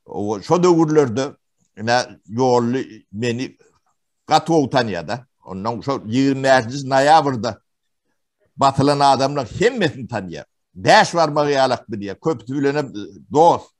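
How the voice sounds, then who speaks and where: Man, from Turkmenistan, interview testimony, halting with fillers, average pitch. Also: expressive. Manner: halting, many pauses and fillers. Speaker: witness interviewee.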